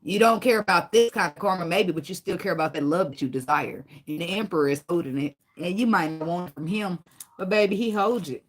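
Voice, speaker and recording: A woman giving a casual tarot reading, talking bluntly with lots of profanity, preachy and animated, and fighting back tears as she speaks. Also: on the low side, brisk. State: tearful, fighting back emotion. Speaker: tarot reader.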